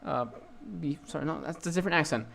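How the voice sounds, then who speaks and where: A man's voice: a little high, fast, gravelly, fairly bright tone. Hesitant young man narrating a game. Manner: hesitant, many restarts and fillers. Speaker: dungeon master.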